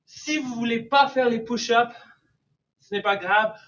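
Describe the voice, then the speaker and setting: A man's extremely high-pitched, slightly bright voice at a moderate pace guides a live online bodyweight warm-up, aerobics-instructor style, as he exercises along, counting reps and cheering on participants. He switches between English and French. Picked up by a mic well away from his mouth, the sound is distant and dull.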